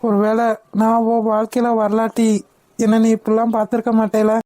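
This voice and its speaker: A woman voicing a tender, grateful young husband in a cartoon, soft and heartfelt, gently teasing. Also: on the high side, monotone, a little fast, no echo, lightly acted. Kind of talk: cartoon voice acting.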